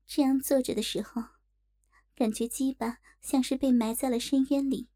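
A woman narrating a storybook in a steady, measured reading voice. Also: high voice. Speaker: audiobook narrator.

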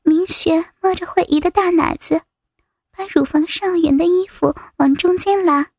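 A woman narrating a scripted audio story in a slow, even reading. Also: very high voice, no echo. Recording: dry close recording.

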